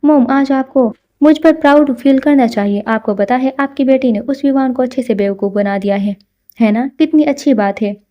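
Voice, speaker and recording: A woman's voice: sits high, normal speed, dark tone, muffled recording, lightly acted. A woman doing a spoiled, whiny young woman. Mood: smug.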